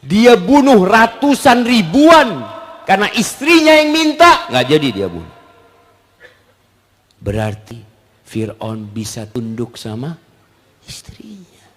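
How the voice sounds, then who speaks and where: A male Indonesian preacher giving an animated sermon with questions and answers, acting out wives and husbands and dropping in Arabic phrases. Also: sits high, slow pace, pauses often. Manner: animated, acts out wives and husbands in quoted voices; mixes Arabic phrases into his talk.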